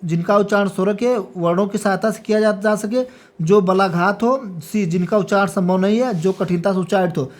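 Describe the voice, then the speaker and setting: A woman teacher reading multiple-choice exam questions and their options aloud, then confirming each answer with a brief check. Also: mid-range voice. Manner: repeats a checking "ठीक है" after each answer. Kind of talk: exam practice lecture.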